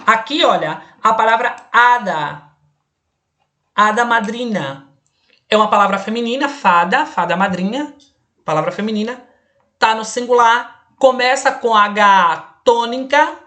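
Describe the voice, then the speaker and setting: A woman's voice: a little high, a bit bright. A woman teaching an online exam-prep Spanish lesson, patient and explanatory, often checking that students follow along. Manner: slow, patient, checks understanding with "perfeito?".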